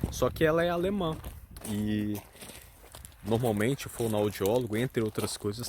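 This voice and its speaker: Against a noisy background, a man with a Brazilian Portuguese accent, a vlogging father, explains something casually. He sounds earnest and thoughtful, his low voice groping for the right words.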